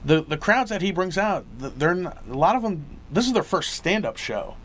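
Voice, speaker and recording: Guest comic from Texas, male, slightly high voice, eager and chatty. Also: sing-song, fairly quick, fairly bright tone. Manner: eager and chatty, many fillers. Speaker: guest comedian. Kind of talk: interview chat.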